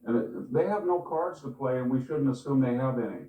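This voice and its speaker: A man's voice: medium pitch, a little fast, mellow. A man giving conversational political commentary as a guest on a news show. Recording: thin phone-like line, roomy, distant.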